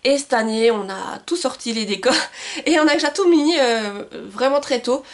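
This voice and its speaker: A woman with a slightly high voice chats to camera in her home, surrounded by bookshelves. She talks casually and loosely, with many fillers and restarts, recorded on a camcorder mic. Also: animated, normal speed. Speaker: book vlogger. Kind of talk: casual book haul chat. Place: home room with bookshelves and Christmas lights.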